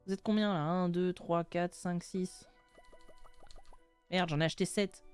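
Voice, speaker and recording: A woman's voice: lowish voice, fairly even intonation, a little slow, a little mellow, clean tone, soft background music. A young woman chatting casually and jokingly while playing a video game, reading its text aloud. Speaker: gaming streamer. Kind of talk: casual let's-play chat.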